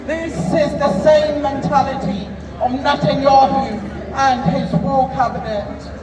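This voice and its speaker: A man's voice: very high voice, fairly even intonation, unhurried, very noisy. A man giving an impassioned, emphatic protest speech in front of an audience, declaiming to the crowd. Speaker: protest speaker. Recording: distant echoey PA, crowd and music behind.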